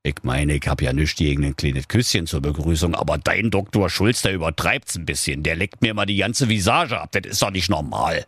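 A man's voice: sits low, fairly quick, few pauses, a bit bright, husky, dry recording, studio quality, full character voice. A man voicing a blunt, gossipy king who complains in a chatty, colloquial way. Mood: grumbling. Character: grumbling middle-aged king, blunt and gossipy.

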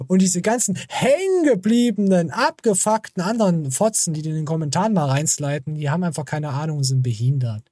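Male podcast host, crude and sarcastic, husky voice, dry close sound. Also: fairly high pitch, lively intonation, brisk, few pauses, a little mellow, no room sound. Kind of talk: casual podcast chat.

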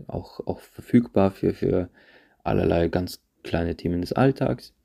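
Man, podcast host, low gravelly voice, husky, reflective monologue with restarts. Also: warm tone. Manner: reflective, halting, repeats phrases. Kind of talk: personal monologue to listeners. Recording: handheld phone, voice drifts off-mic at times.

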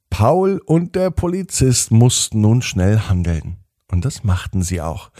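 A man tells a children's bedtime story in a warm, slightly husky voice, his pitch rising and falling with lively expression. He speaks gently to the child listening, close and dry, with faint music behind him. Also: no room sound.

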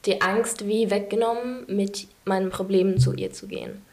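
A woman's voice: mid-range voice, fairly even intonation, moderate pace, creaky, warm tone. A woman in her twenties from England, a podcast guest talking frankly and openly with fillers. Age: 20s. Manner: open, frank, many fillers. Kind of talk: casual interview talk.

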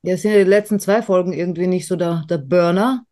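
A woman's voice: fairly low pitch, fairly even intonation, a little fast, dark tone. A woman co-hosting a podcast in casual chat, rambling and self-mocking, with many fillers and restarts. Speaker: podcast co-host.

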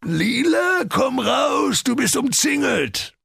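A greedy, gruff big bad wolf for a comic storybook, with a raspy, gravelly growl. The voice sits high and swings wildly as it bellows and drags along slowly. The recording is dry and close. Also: male voice, sing-song, dry recording, exaggerated voice. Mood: hungry. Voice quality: gravelly, rasping, shouting.

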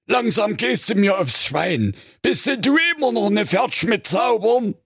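A man's voice: high-pitched, lively intonation, unhurried, vocal fry, fairly bright tone, breathy edge, dry recording, studio quality, voice pushed up, exaggerated voice. A man doing a plain Saxon husband. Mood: irritated. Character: plain-spoken husband, proud and simple.

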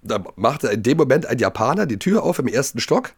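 A man co-hosting a casual podcast chat, retelling a story in an animated way, full of fillers and restarts. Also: medium pitch, brisk, husky, no room sound. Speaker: podcast co-host. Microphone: remote recording.

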